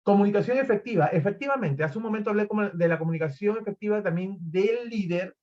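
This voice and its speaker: A man's voice: sits high, quick pace, a little mellow, lo-fi sound. A man giving a recorded leadership lecture, talking animatedly, acting out examples and often restarting his phrases. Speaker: leadership trainer.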